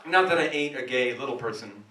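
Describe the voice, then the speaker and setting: A man doing crude, self-mocking stand-up comedy in a small cafe, with a rough, wrecked voice. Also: mid-range voice, lively intonation, brisk, bright, forceful tone. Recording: echoey room, distant mic, live music.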